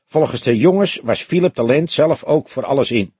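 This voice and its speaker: A man voicing a slight, skittish male café owner who passes on underworld gossip in a confiding, knowing way, with a husky voice. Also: medium pitch, animated, moderate pace, dark tone, dry recording, pitched above the performer's own voice.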